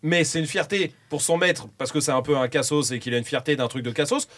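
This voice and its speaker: A man co-hosting a podcast in casual group chat, animated and self-mocking, swearing freely. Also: fairly high pitch, a little fast. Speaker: podcast co-host.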